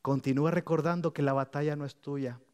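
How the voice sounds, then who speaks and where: A man preaching a sermon as pastor, lively and playful, speaking straight to his congregation while leading them on a walk. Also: on the high side, fairly quick, smooth. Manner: lively, addresses the congregation directly, playful asides; leads the congregation walking around the room.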